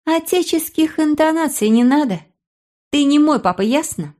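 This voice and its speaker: A woman voicing a defiant, sharp-tongued pregnant teenage girl who snaps back at her brother, in an audiobook. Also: high voice, lively intonation, moderate pace, pitched above the performer's own voice. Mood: indignant. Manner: indignant, snapping.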